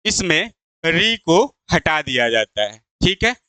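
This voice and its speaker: A man teaching a Hindi exam-prep video lesson. He asks his viewers a question, answers it himself, and slowly repeats the key terms. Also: fairly high pitch, big pitch swings, sharp tone, clean tone, no echo. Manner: addresses viewers as "friends".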